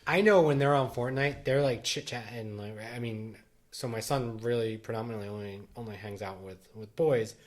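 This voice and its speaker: A man's voice: medium pitch, normal speed. Middle-aged dad rambling on his podcast, lots of um and like, casual chat. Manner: rambling, many restarts and fillers. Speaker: podcast co-host.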